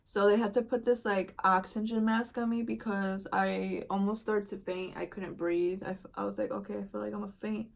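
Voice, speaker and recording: A woman's voice: mid-range voice, level tone, brisk, creaky, few pauses. Rambling young woman telling a storytime. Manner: rambling, heavy use of "like" and "dude". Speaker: vlogger. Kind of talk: casual storytime chat.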